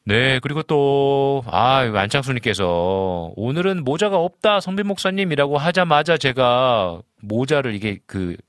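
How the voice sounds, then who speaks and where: A smooth, sing-song mid-range voice, a little slow with few pauses, comes from a pastor in his forties hosting a live stream. Recorded in studio quality with no echo, he reads viewer comments and chats casually, warm in his greetings, with frequent fillers and chuckles.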